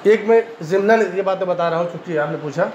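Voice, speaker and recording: A man teaching Arabic grammar in Hindi-Urdu with an Indian Urdu accent, a classroom lecture where he repeats each point and keeps checking in with "है ना", now and then clearing his throat. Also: high-pitched, fast, a little mellow. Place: madrasa classroom. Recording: echoey room, dull lo-fi sound, faint hiss.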